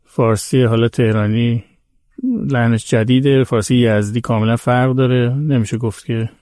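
A man's voice: medium pitch, level tone, darkish tone, dry recording, clean studio sound. A man answering questions as a guest expert on a podcast, explaining carefully and hedging his claims. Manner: measured, explanatory, cautious about claims. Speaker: guest expert on old Persian epic. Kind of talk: podcast conversation.

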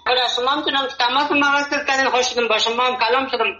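A man's voice: very high-pitched, fairly even intonation, sharp tone. A man from Kabul with a Kabuli Dari accent, calling a radio phone-in and speaking politely in a flowery way, full of fillers. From Kabul, Afghanistan. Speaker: radio caller. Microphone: phone line into a radio studio. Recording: lo-fi roomy phone line.

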